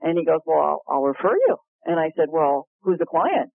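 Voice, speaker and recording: Animated woman storyteller on a phone line. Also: low-pitched, brisk, gravelly, no room sound. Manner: animated, laughs often. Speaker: guest professional speaker. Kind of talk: storytelling on a call-in show. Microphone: telephone. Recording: tinny phone line, dry.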